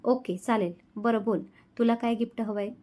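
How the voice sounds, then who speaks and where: A tender young husband in a romance story, teasing and affectionate, as a woman reads his lines. The voice sits a little high and keeps an easy, loving warmth in every line. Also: fairly even intonation, normal speed, close to an everyday voice. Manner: affectionate, playful.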